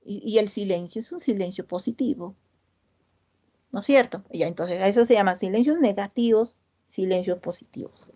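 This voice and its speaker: A woman's voice: medium pitch, moderate pace, warm tone, lo-fi sound. Woman teacher explaining patiently. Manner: explains step by step, repeating key terms and asking the class questions. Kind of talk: online class lecture.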